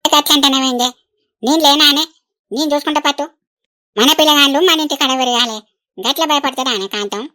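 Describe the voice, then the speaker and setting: In this cartoon, a woman plays an older village aunty who talks with plenty of fuss and affection. Her voice sits very high and sounds bright and sharp, quick to chide and to sympathise. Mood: chiding chat. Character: talkative older village woman, fretful and caring. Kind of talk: animated village comedy voice acting.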